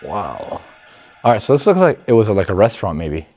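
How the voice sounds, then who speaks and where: Walking through the underground corridors and tunnels of an abandoned building, an urban exploration vlogger chats casually with viewers, full of slang and swearing. His fairly low, darkish voice moves briskly with wildly swooping pitch, and the handheld recording is noisy.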